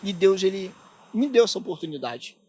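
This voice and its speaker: High-voiced man, animated testimony. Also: a little fast, husky, no echo. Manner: animated storytelling, acting out dialogue, constantly saying "pastor". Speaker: interviewee giving a church testimony. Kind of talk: emotional personal testimony.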